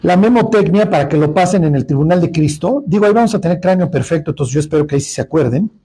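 A man's voice: fairly high pitch, expressive, fast, warm tone, husky. A man with a Mexican accent teaching a Bible study in a colloquial, joking way, full of asides. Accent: Mexican Spanish.

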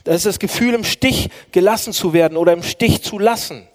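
A man preaching a sermon, earnest and direct with his listeners, swinging from loud declaiming to a hushed near-whisper. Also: high-pitched, brisk. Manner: earnest, addresses listeners as friends.

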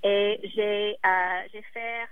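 A singer whose first language is English speaks slowly and haltingly in her second language, often pausing to search for words. Her medium-pitched voice is fairly even, clear and resonant, in a dry recording that still sounds dull and lo-fi, as if over a phone line.

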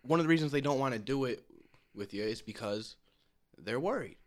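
A man co-hosting a casual group chat, loud and profane, laughing and repeating himself. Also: mid-range voice, expressive, a little fast. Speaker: podcast co-host.

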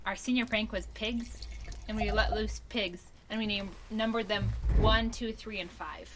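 A woman's voice: medium pitch, fairly even intonation, unhurried, background noise. A woman chatting casually as she tastes wine with others. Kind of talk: casual chat at a wine tasting.

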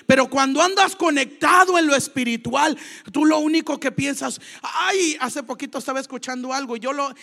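Older woman preacher, emotional sermon delivery, raspy edge. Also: sits high. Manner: emotional, swings from soft murmurs to loud shouting.

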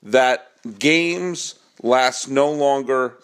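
A man's voice: medium pitch, extremely slow, a bit bright, clean tone. A man hosting a casual baseball podcast, joking and projecting as he performs. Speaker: podcast host.

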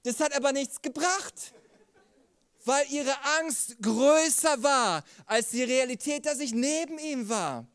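A man preaching a sermon, telling a story with lively acted quotes. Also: extremely high pitch, slow, no echo. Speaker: pastor.

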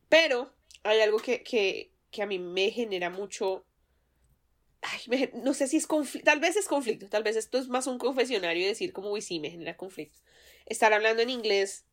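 A Colombian woman with a Colombian accent and a medium-pitched voice co-hosts a podcast. She chats casually, laughs often, and keeps restarting her sentences.

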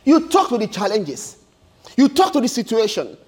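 Male preacher, emphatic sermon delivery, repeats and restarts phrases, very high pitch. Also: wildly swooping pitch, moderate pace, darkish tone, breathy edge. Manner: emphatic and repetitive, with stammered restarts.

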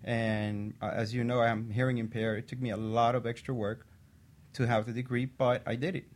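Here a talk show guest who is a physician assistant recounts something from his own life, sincere and even-keeled. His pitch is medium and his speed normal.

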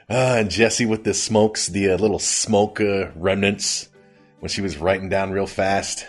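Brief: low husky guy, casual recap host, faint music under. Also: steady tone, a little slow. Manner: laughs often, chatty and amused. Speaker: podcast host recapping a sitcom.

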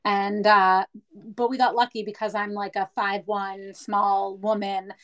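A woman's voice: medium pitch, flat delivery, unhurried, poor audio. A woman in her thirties from Canada, chatting casually and telling stories with small restarts. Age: 30s. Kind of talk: casual chat.

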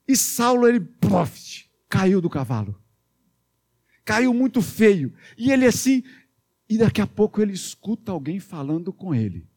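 Speaking in a high-pitched male voice, a Minas Gerais–accented pastor recounts a Bible story for children. The telling is lively and fun, with sound effects and questions directed at the kids.

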